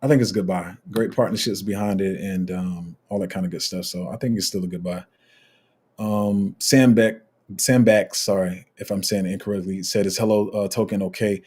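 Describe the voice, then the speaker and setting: A man with a low, slightly husky voice hosts a casual livestream. He reads viewer comments aloud and answers them in a loose, rambling way, full of ums and restarts. His delivery stays relaxed and conversational throughout. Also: a little fast. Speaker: crypto livestream host.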